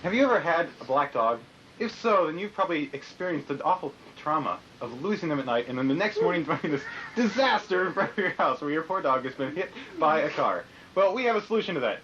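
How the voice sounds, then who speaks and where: Man doing a lively mock ad pitch. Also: quick pace. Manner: laughs through lines, hypes the product. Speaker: pitchman in a homemade spoof ad. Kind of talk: mock infomercial pitch between casual chatter. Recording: dull home camcorder audio with faint hiss.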